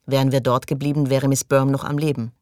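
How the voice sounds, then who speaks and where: A woman reading an audiobook and voicing a calm, self-assured man who speaks in a measured, unruffled way. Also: a bass voice, no room sound, clean studio sound.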